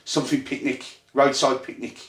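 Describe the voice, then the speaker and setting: An Irish-born man with a Birmingham accent, hosting and running the game, casually explains the rules of a tabletop setup at a gaming table indoors. His mid-range voice is flat, and he's chatty and self-deprecating, halting often with ums. The phone recording picks up an echoey room.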